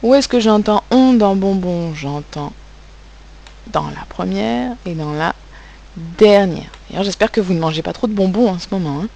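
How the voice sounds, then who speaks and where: A woman's voice: medium pitch, expressive, moderate pace, vocal fry, warm tone, highs cut off. A woman teaching young children spelling and handwriting, speaking patiently and spelling out letters and sounds, with a French accent.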